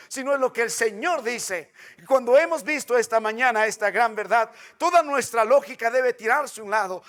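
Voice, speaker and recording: A male pastor delivers a sermon in a strikingly high voice. His tone is forceful and bright. He hammers his points through repetition and rhetorical questions.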